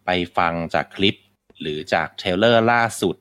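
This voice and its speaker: A man talks through a video game with his co-hosts, wandering through his points with fillers and restarts. His voice sits very low. The mic is close and dry, with no room sound. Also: normal speed, fairly bright tone, smooth, no room sound. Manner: rambling, many fillers and restarts. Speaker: game podcast host. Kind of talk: casual game discussion.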